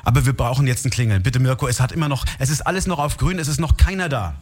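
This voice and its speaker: A man hosting a live call-in quiz in an infomercial style, pressing viewers urgently and repeating his pitch in a TV studio. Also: darkish tone. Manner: repetitive, slowly recites phone number digit by digit. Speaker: call-in quiz show host.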